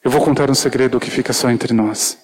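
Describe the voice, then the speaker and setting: A man's voice: medium pitch, steady tone, fairly quick, darkish tone, husky. A male preacher giving an earnest sermon, speaking intimately to the congregation with shy, self-deprecating humor.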